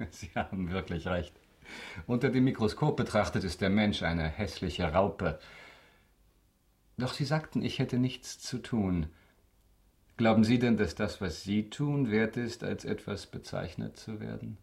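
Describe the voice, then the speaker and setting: An actor playing a wealthy, imperious count with polished, mocking irony in a German radio drama. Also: male voice, on the low side, unhurried, vocal fry, a little mellow. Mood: coolly superior. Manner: polished, ironic, haughty formal speech.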